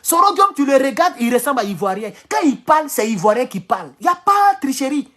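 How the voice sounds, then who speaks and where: A man from Ivory Coast with an Ivorian French accent, giving an animated, casual political monologue at home, repeating phrases and chuckling often. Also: very high-pitched, fast talker. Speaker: political commentator. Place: at home in his kitchen.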